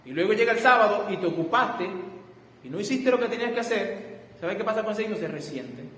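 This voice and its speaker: Animated high-voiced preaching pastor, echoey hall. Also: male voice, fairly quick. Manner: animated preaching, acting out short quoted exchanges. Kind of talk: sermon. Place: church sanctuary. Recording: echoey church hall, faint background noise.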